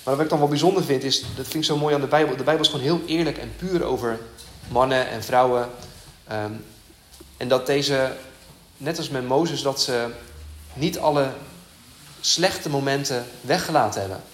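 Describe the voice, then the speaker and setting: A man's voice: mid-range voice, slight background noise. Earnest man preaching in a roomy church. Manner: earnest, halting, with many fillers and restarts. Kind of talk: sermon.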